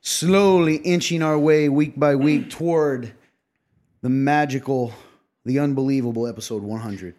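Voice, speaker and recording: A man's voice: medium pitch, unhurried, darkish tone. A young man co-hosting a podcast in casual chat, teasing and often laughing. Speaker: podcast co-host.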